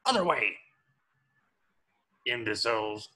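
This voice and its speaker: Piercing, drawn-out villain Plankton. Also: male voice, medium pitch, expressive, bright, forceful tone, heavily acted. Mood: grandiose. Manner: pompous, theatrical, menacing. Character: tiny, scheming, grandiose male plankton villain. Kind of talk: cartoon script table reading.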